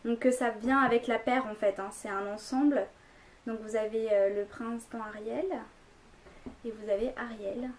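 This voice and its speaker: Young woman, chatty and rambling, slightly high voice, faint background hiss. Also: steady tone, normal speed. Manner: chatty, rambling, many fillers. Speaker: vlogger. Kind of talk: casual haul vlog.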